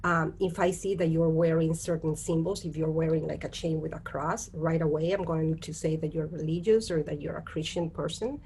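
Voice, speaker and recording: Speaking on a video call as a virtual panel guest, this woman from Costa Rica talks conversationally and earnestly, frequently adding "right?". Her low-pitched voice holds a steady tone at a moderate pace with hardly any pauses, a little mellow, over slight hiss or hum.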